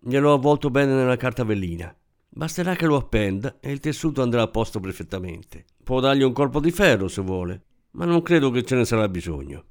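A man's voice: medium pitch, expressive, a little fast, lightly acted. A man voicing a chatty, effusive woman who sells dresses, with gushing sales patter. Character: chatty middle-aged woman dress seller.

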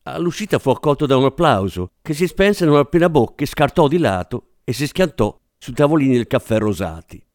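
A man narrates a novel with a lively, dramatic delivery that rises and falls freely. The recording is dry and close to the mic. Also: medium pitch, fairly quick, hardly any pauses, no echo. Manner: expressive, dramatic, does character voices.

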